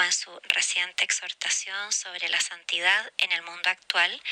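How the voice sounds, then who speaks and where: A woman giving an earnest spiritual reflection, often dropping into gentle whispered phrases. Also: medium pitch, no room sound, low-quality recording.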